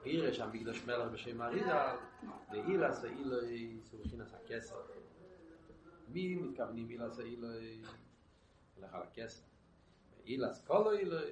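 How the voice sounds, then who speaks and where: A man's voice: mid-range voice, distant mic, noisy background. Man teaching text in an echoey room. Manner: halting, repeats words and restarts, asks and answers rhetorical questions. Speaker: Torah teacher.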